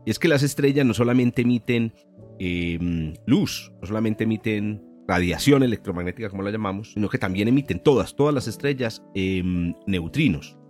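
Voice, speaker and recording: A man's voice: lowish voice, normal speed, darkish tone, soft background music. A man hosting a podcast in a casual, educational style, like a professor chatting. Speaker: podcast host, physics professor. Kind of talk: casual, educational science chat.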